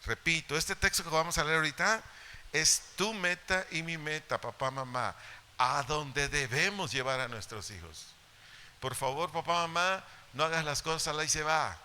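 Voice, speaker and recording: Middle-aged man, Mexican Spanish accent, pastor's sermon, very bright sharp voice, faint hiss. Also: a little high, moderate pace. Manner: repeats key phrases and Bible references for emphasis. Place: church hall.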